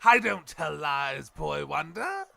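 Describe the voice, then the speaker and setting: A man's voice: on the high side, very animated, slow, vocal fry, sharp tone, exaggerated voice. A man playing a gleeful, taunting supervillain clown with a theatrical, mocking drawl in an audio drama. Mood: sinister, teasing. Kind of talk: audio drama villain acting.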